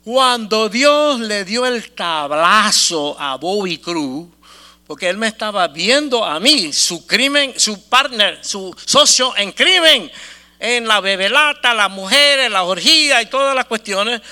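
A man giving a lively, conversational testimony, repeating himself and laughing often. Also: high-pitched, slow pace. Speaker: speaker giving a faith testimony.

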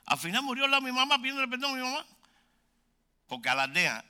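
A man of about sixty preaching a humorous sermon, joking with the crowd and swinging between loud outbursts and low asides. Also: sing-song, fast talker, clear, resonant tone.

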